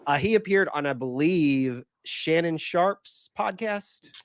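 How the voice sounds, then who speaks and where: A man with a hoarse, sick-sounding voice, hosting a casual sports podcast in an energetic, rambling way. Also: fairly high pitch, slow. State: hoarse from a cold. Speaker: podcast host.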